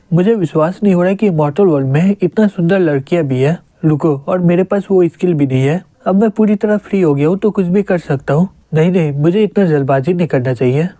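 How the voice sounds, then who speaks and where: A man's voice: fairly high pitch, dark tone, dry recording, natural voice. A man voicing a flustered young man reborn in an elf world, in inner monologue.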